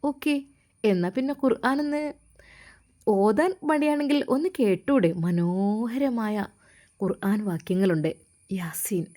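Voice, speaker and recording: A devout young woman, voiced by a female storyteller, speaks gently and persuasively, often dropping into a hush. Her pitch sits in an ordinary middle range. She is a figure in a spoken religious story. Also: takes it slowly, pauses often, natural voice. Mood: coaxing.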